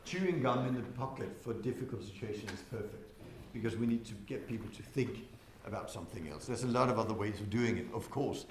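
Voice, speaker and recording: A man gives a talk in a windowless conference hall, drawing the audience in with questions. His voice moves between loud, waking bursts and low, calm stretches. The hall adds an echo, with a faint hum of noise underneath. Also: fast talker, few pauses. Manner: engaging, quizzes the audience, swings from loud to soft. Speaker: conference speaker.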